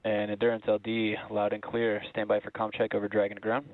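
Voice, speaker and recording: A man's voice: on the low side, completely flat delivery, fairly quick, no room sound. A man making procedural comm checks as a launch official, over a radio transmission. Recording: thin phone-like radio line.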